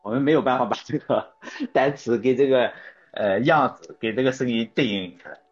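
A man's voice: medium pitch, a little fast, husky. A man hosting a casual chat show, rambling through anecdotes and correcting himself as he goes. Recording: dull lo-fi sound with faint music.

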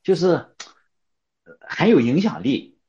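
A man's voice: a little high, sing-song, measured pace, dark tone. A man hosting a casual chat, often repeating his words and phrases as he goes. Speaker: host of a casual talk show. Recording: dull lo-fi audio, faint music behind.

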